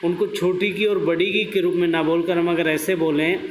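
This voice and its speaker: A man's voice: on the high side, fairly even intonation. A man teaching young pupils in an online class, reciting syllables one by one and explaining them patiently. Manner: slow, careful syllable-by-syllable recitation. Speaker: schoolteacher. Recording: echoey room with faint background noise.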